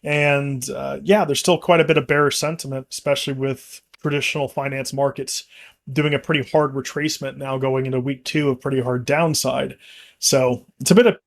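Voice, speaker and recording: A man's voice: mid-range voice, creaky. A man co-hosting a casual market discussion, talking in long rambling runs full of restarts and fillers. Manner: rambling, frequent restarts and fillers, laughs easily. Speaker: company executive co-host.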